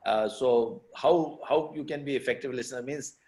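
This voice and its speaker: A man hosting an interview, asking halting questions with many fillers. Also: mid-range voice, mellow. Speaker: host.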